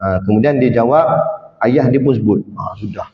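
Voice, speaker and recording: A man with a Malay accent giving a religious lecture in an animated way, acting out quoted speech and often tagging his points with "ha" and "kan". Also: mid-range voice, moderate pace. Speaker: preacher. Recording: echoey hall, dull lo-fi sound.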